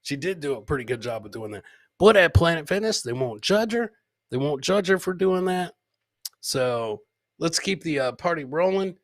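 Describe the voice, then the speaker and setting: A man with a slightly high voice and lively intonation hosts a live comedy podcast at a moderate pace. Commenting on clips with humor, he repeats phrases for effect and imitates others.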